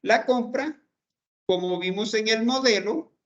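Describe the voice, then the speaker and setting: A man's voice: high voice, fairly bright tone, muffled recording. A man teaching a programming class, talking through code step by step and checking in with his students as he goes. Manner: slow, step-by-step explaining, checks in with "¿verdad?". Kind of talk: screen-recorded coding lesson.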